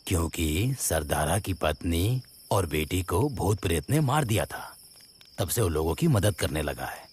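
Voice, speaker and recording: A man's voice: low voice, sing-song, a little slow, a little mellow, a little hiss or hum. A man voicing a companion in a cartoon, who talks in a plain, explaining way.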